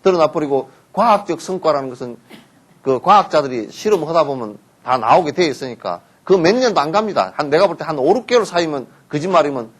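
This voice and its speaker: A man giving a Buddhist sermon, telling stories, acting out parents and children in quotes, and often asking listeners to agree. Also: on the high side. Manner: lively storytelling, acts out parents and children in quotes, asks listeners for assent. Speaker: Buddhist teacher giving a dharma talk.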